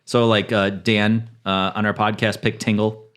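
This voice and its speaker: A man's voice: fairly low pitch, level tone, normal speed, fairly bright tone. A man appearing as a guest on a podcast, easygoing and hesitant, with many fillers in a casual chat.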